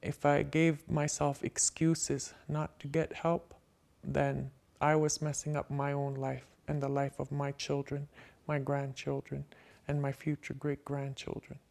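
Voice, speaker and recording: An older woman speaks through a voice disguise that drops her into a deep, man-like register. The processing leaves her sound dark and gravelly, with a rough fry running under her words. She talks very slowly and deliberately, in a reflective way. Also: monotone. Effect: voice disguised, pitched down to sound like a man. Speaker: interviewee. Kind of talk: reflective personal testimony.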